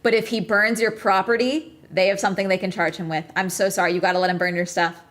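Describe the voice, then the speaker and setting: A woman's voice: mid-range voice, steady tone, quick pace, fairly bright tone. A woman streamer talks loosely over a video she is watching. She rambles, repeats her points and swears casually in a mid-range voice. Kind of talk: casual reaction commentary.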